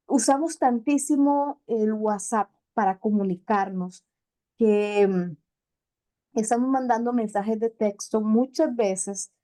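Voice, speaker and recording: Chatty woman, mellow higher voice. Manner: chatty storyteller, laughs often, self-deprecating. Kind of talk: conversational talk show.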